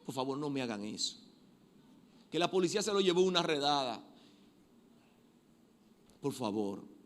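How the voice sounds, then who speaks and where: A man's voice: on the high side, expressive, normal speed. Man, preaching, raised voice, emphatic repetitions, long church reverb. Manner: emphatic, repeats phrases, swings from loud exhortation to quiet prayer. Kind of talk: sermon.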